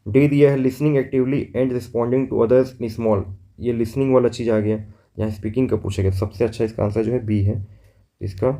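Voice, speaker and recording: A man teaching an exam prep lesson, reading questions out slowly in English and explaining them in quick Hindi. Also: mid-range voice, steady tone, warm tone.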